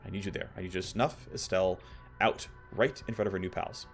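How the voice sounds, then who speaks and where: A man's voice: deep voice, fairly even intonation, fast talker, faint music behind, close to an everyday voice. A man reading the game dialogue of a hard, businesslike crime boss, blunt and commanding. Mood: grim, commanding.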